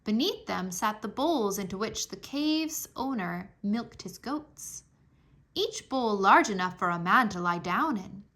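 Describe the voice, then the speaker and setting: Reading a children's history book aloud, a woman speaks a little slowly in a medium-pitched voice. Her style is expressive and storybook-like, with clean enunciation and stressed dramatic words.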